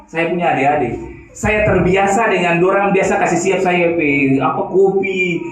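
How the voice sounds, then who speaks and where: A preacher delivers an emphatic sermon at normal speed, calling out rhetorical questions to the congregation. His voice sits fairly high for a man. It rings through a very echoey church hall and is picked up from some distance off the mic.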